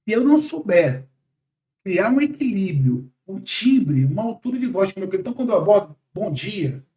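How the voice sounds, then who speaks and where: A man in his forties from Brazil, a sales trainer talking in a podcast conversation, animated and emphatic, lecturing. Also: sits high, a little fast, echoey room. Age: 40s.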